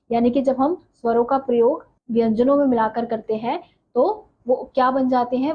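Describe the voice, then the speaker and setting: A woman teaching a Hindi grammar lesson, spelling out letters and example words one at a time and asking rhetorical questions she answers herself. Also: a little high. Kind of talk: slow explanatory lesson. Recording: slightly dull recording with faint ambient noise.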